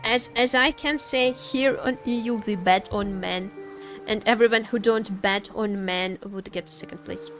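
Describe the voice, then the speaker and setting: A woman game streamer chats casually with her viewers, reading their comments and answering them in a playful, teasing way while commentating on her game. Her voice sits at a medium pitch and she speaks at a measured pace, with background music playing.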